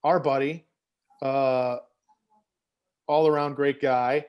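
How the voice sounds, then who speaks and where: A man's voice: medium pitch, fairly even intonation, slow pace, clean tone, dull audio. Casual male podcast host from Michigan, easygoing, drops swears. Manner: laid-back, swears casually. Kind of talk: casual chat.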